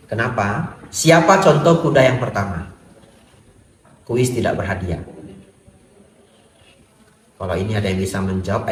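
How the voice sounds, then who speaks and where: Monk preaching in an echoey hall. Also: male voice, fairly low pitch, a little hiss or hum. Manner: lively, humorous, rhetorical questions. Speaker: Buddhist monk. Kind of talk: sermon. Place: temple hall. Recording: echoey hall, far from the mic.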